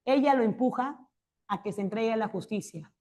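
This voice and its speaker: A woman's voice: a little high, a little fast, warm tone. A woman giving a classroom literature lecture, explaining points and often checking with rhetorical questions. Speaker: literature teacher.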